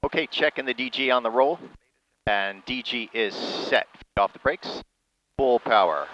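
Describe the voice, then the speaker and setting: A man's voice: medium pitch, measured pace, lo-fi sound, background noise. A man flying as pilot, giving clipped, matter-of-fact radio calls and takeoff callouts through a cockpit headset mic. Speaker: pilot flying a flight simulator.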